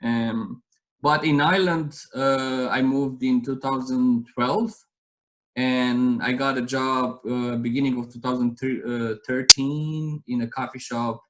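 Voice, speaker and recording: A man in his thirties with a Romanian accent, chatting as a guest on an interview. His voice sits at an ordinary middle pitch. He tells his story earnestly and rambles, restarting his sentences often. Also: steady tone, measured pace, sharp tone, poor audio. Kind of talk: casual interview chat.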